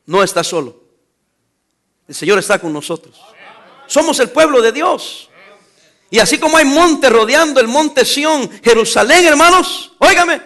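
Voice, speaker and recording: A man preaches a sermon in a high, ringing voice. He drives his points home with call-and-response questions to his congregation. Now and then he breaks into teasing, scolding asides. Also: pushed and bright. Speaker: pastor.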